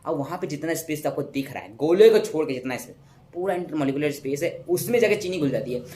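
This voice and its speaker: A young man teaches a science lesson in a loose, talkative way. His voice sits a little high, and he often repeats words, stumbles over terms and corrects himself. He acts out sounds to make his points. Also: lively intonation, quick pace, mellow. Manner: chatty, repeats words, self-corrects, uses sound effects. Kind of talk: casual classroom explanation.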